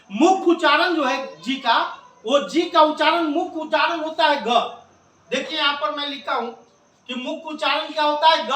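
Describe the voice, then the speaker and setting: Male tutor, high-pitched, drilling pronunciation, recorded from afar in a roomy space. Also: pushed and bright. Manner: drills with repeated questions, coaxing the viewer. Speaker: English teacher. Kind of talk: classroom lesson at a board. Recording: echoey room, mic at a distance.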